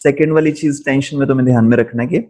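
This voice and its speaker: A man teaching physics in a live online class, speaking deliberately slowly and often checking in with his students. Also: medium pitch, steady tone, dark tone. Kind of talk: live online lesson, mixing Hindi and English.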